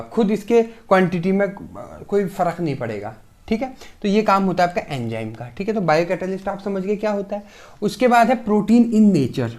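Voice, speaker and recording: A man's voice: high-pitched, a little mellow. Man explaining, questioning and checking in. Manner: asks rhetorical questions and keeps checking in with "okay"; mixes technical English terms into his speech. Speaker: pharmacy lecturer. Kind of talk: explanatory classroom lecture.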